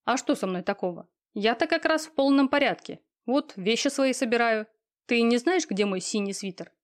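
A woman's voice: on the high side, expressive, normal speed, close to an everyday voice. A woman voicing a smug, cold, lazy young man in an audiobook, talking in an offhand, sneering way with coarse slang. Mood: mocking. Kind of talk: audiobook reading.

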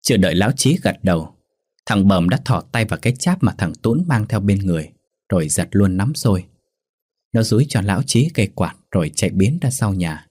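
Guy telling a folk tale, low husky voice, dry close sound. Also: lively intonation, brisk, darkish tone, no echo. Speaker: storyteller. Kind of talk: storytelling narration.

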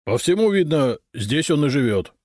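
A man voicing a loud, eager, burly city policeman in a storybook reading. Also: sing-song, normal speed, dry recording, studio quality. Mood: eager, booming. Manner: booming and eager.

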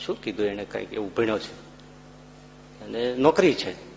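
A man's voice: on the low side, animated, normal speed, vocal fry, darkish tone. A man, a monk telling a humorous anecdote in a sermon and acting out the voices of the people in it. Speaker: monk giving a discourse. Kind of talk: sermon storytelling. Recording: echoing hall with faint hum.

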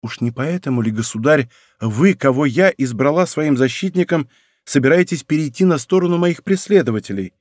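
A man's voice: fairly high pitch, expressive, fairly quick, darkish tone, no room sound, clean studio sound. A man voicing a proud young princess in an audiobook, pleading and slightly mocking. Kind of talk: audiobook character reading.

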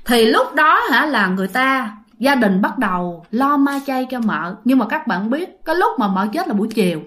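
A woman's voice: on the high side, animated, moderate pace, a bit bright. A woman telling a ghost story in a chatty way, often turning to her listeners with fillers. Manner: chatty, addresses listeners directly, many fillers.

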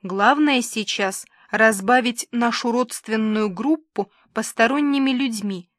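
A woman's voice: fairly high pitch, measured pace, no echo, clean studio sound. A woman narrating a comic novel in the first person, in a wry, conversational storytelling manner. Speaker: audiobook narrator.

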